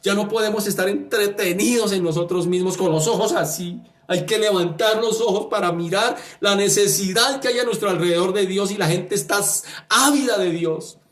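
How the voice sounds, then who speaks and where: A man's voice: sits high, a little fast, hardly any pauses. A man, a pastor leading a fervent, repetitive pleading prayer and sermon. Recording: echoey room with faint music.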